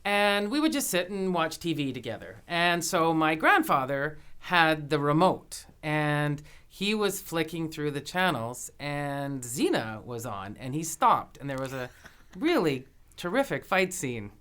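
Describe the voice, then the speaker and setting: Podcast co-host, woman, animated delivery, bright tone, laughs through stories. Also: low voice, unhurried, clean tone. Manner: laughing storyteller, lively. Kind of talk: casual chat.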